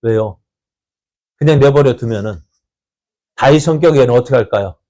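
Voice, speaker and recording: A man's voice: medium pitch, normal speed, mellow. A male pastor preaching a conversational sermon, telling a story and constantly asking the congregation rhetorical questions.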